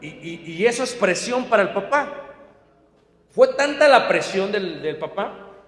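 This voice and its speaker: A man's voice: sits high, expressive, unhurried, fairly bright tone, reverberant, in a large hall. A man preaching a sermon to his congregation, telling personal stories and speaking to them directly. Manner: storytelling, addresses congregation directly. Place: church hall.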